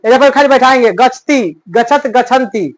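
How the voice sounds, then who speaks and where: Speaking fairly quickly in a very high-pitched voice, a man tutors a Sanskrit grammar lesson using simple, country-style talk. His drill method is to ask a question and immediately answer it himself, over and over.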